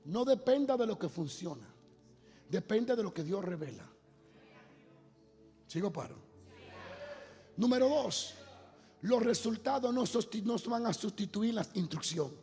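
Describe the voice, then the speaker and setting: A male preacher with a high, gravelly voice that climbs from steady storytelling into loud, half-sung shouting. He sounds like he is in a reverberant hall with a long echo, and soft music plays underneath. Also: measured pace, long pauses. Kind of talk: sermon.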